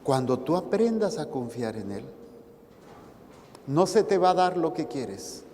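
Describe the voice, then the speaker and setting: A man with a Mexican Spanish accent, a priest giving a sermon with animated, playful asides to the congregation. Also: a little high, a little slow, in a large hall, slight background noise. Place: church.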